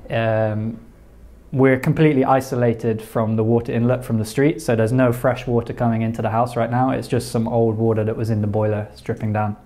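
A young man with a dark, mellow voice talks calmly and reassuringly. He explains his renovation work in a casual, on-camera way, recorded inside a bare brick-walled farmhouse room. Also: medium pitch, brisk. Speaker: home renovator.

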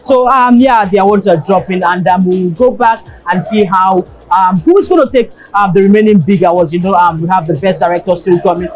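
A Nigerian man reports live from an awards red carpet. He is halting and repeats words as he goes, with faint music behind him. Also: high voice. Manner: hesitant, repetitive, halting delivery. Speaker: TV entertainment reporter. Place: indoor red carpet backdrop at an awards show.

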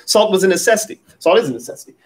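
A man's voice: high voice, lively intonation, very fast. A man preaching a sermon at a pulpit microphone as pastor, talking in a conversational way with light humorous asides.

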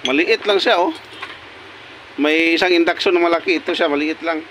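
A man's voice: on the high side, a little fast, background noise. A repair technician talking casually through fixing a pressure washer pump at his workbench, pointing out parts in short remarks. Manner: talks while working, many short pointing remarks. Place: workshop bench.

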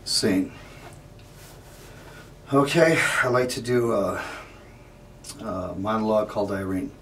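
A man performing a dramatic audition monologue, halting and grief-laden, with sighs and repeated words. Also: fairly bright tone. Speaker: actor auditioning. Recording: echoey room, distant mic, faint rumble.

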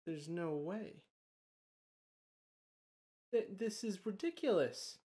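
A man filming a casual home vlog, excitable and bursting into loud disbelief. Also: high voice, slow, husky. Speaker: video creator.

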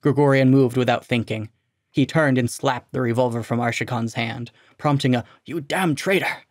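A man narrating a short story in a steady, even storytelling delivery. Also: medium pitch, normal speed, no echo, studio quality.

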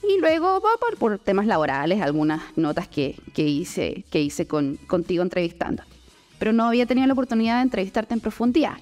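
A Chilean woman in her forties, a journalist hosting a relaxed studio interview, talking in a friendly way with frequent laughs and fillers into a boom mic. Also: brisk. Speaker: podcast host, journalist. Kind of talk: casual conversational interview. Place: podcast studio office, indoors.

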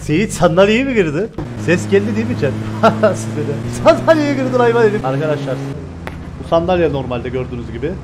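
Young male gaming streamer, high-pitched, excitable and joking live commentary, faint music underneath. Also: fairly quick. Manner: excitable, joking, shouts often.

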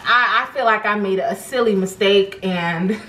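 This is a casual grocery haul chat from a young woman vlogger in her kitchen, chatty and rambling with many fillers like "um" and "like." She speaks a little slowly at medium pitch, her voice pushed and bright. It's a rough recording in a reverberant room, captured by a camera on the table in front.

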